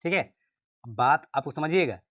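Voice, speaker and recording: A man's voice: on the high side, animated, moderate pace, fairly bright tone. A young man teaching an exam revision lesson, repeating his own questions and answering them, calling his students brother. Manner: chatty, calls students brother.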